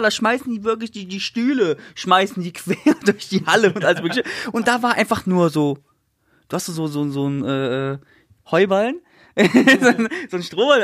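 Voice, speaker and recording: A young man with a notably high voice rambles through an anecdote in casual slang, stumbling over his words and restarting. The recording is dry and close, with no room sound. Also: no echo. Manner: rambling, animated storytelling with slang and many restarts. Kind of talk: casual chat.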